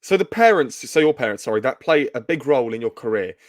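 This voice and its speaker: A man's voice: mid-range voice, expressive, quick pace, no echo, clean studio sound. A man hosting an interview who asks long, winding questions. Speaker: interviewer host.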